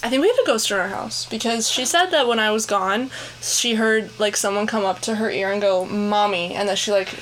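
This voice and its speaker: A young adult woman co-hosting a casual chat show, talking freely with lots of "like" and quick impressions of people. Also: medium pitch, a bit bright. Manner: chatty, full of "like" and bits of mimicry. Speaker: podcast co-host. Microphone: headphones, on camera.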